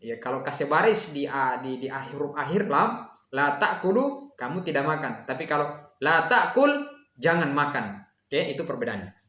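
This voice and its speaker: A man teaching an Arabic lesson, reading dialogue lines slowly and explaining them with frequent fillers. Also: medium pitch, expressive, fairly bright tone, reverberant.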